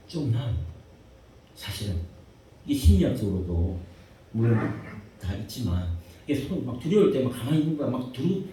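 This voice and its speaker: Animated Korean pastor preaching in an echoey church. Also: male voice, mid-range voice. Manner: animated preaching, repeats phrases, swings from hushed to shouting. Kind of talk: sermon. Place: church sanctuary. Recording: echoey church hall, mic far off, faint hiss.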